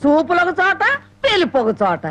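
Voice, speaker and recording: A woman's voice: very high voice, sing-song, normal speed, a bit bright, heavily acted. An actress playing a scolding, sarcastic old grandmother in a film scene. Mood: teasing. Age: older.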